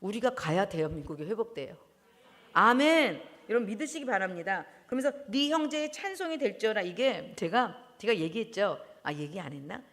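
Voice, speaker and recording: A woman preaching a sermon in a church, animated, often laughing and breaking into loud exclamations. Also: mid-range voice, fairly quick. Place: church hall. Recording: long church hall reverb.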